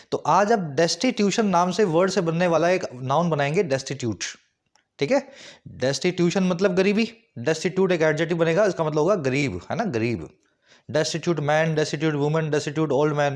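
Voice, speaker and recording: A man teaching English vocabulary in a lesson, explaining words in Hindi with frequent check-ins and slowly read example sentences. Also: fairly high pitch. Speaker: English tutor.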